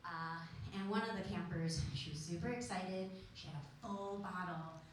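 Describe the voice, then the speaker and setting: A woman's voice: lowish voice, moderate pace. A young woman from Michigan doing a stand-up set, bubbly and giggly, telling stories with lots of ums. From Michigan, USA. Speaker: stand-up comedian. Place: comedy venue with live audience. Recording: echoey room from far off, noisy.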